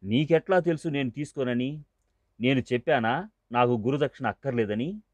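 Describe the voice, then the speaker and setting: A man reading the part of a calm older male sage who speaks in a measured, mildly scolding way, in a dull, dry recording. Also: mid-range voice, dry recording, lightly acted.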